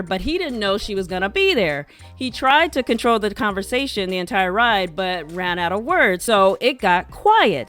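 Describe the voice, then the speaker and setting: A woman's voice: medium pitch, fairly bright tone, clear, resonant tone, no echo. A woman hosting a reality TV recap show, narrating scripted gossip in a chatty, wry, opinionated way.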